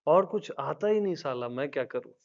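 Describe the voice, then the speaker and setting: A man's voice: fairly high pitch, vocal fry, muffled recording. A man as a spiritual teacher giving an informal satsang talk, telling stories in a chatty way and laughing often.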